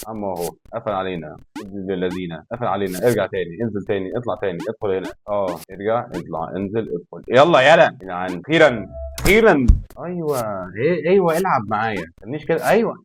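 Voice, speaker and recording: A young man with an Egyptian accent giving excitable let's play commentary, talking to himself and the game and yelling in frustration. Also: lowish voice, rapid-fire, few pauses, slight background noise. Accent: Egyptian Arabic. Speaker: gaming YouTuber.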